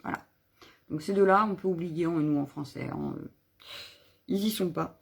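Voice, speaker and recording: A woman with a fairly low, husky, gravelly voice chats casually at a moderate pace on a live craft video. She shows off her stamps and stencils, rambling along with fillers and self-corrections.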